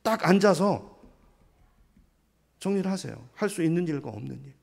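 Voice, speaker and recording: Male pastor, middle-aged, animated sermon delivery with rhetorical questions and a high, bouncing voice. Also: normal speed, creaky. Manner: acts out quoted voices of others.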